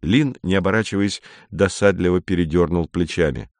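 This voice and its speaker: Low-voiced man reading a story. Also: no room sound, clean studio sound. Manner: measured, expressive, reads all roles. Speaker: narrator.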